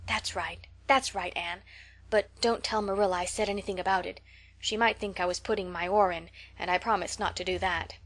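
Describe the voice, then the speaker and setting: A woman voicing a shy, gentle elderly farmer who talks in a soft, hesitant, coaxing way. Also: mid-range voice, fairly even intonation, a little fast.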